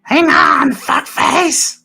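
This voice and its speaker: A man voicing a tiny, cheeky, foul-mouthed pixie with a squeaky little voice in a tabletop game. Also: drawn-out words, vocal fry, bright, forceful tone, soft background music, heavily acted. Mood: cheeky urging.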